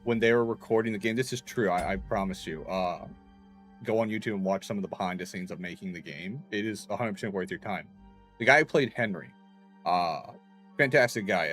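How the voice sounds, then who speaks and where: Low-voiced man doing chatty game commentary. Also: brisk, a bit bright, faint music behind. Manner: chatty storytelling, laughs often. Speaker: livestreamer. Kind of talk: casual gameplay commentary.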